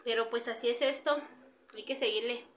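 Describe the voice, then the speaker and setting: A woman's voice: on the high side, steady tone, moderate pace, a bit bright. A woman, chatting to viewers in a casual cleaning vlog from her home kitchen. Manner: chatty, addresses viewers directly. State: sweaty from cleaning. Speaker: vlogger.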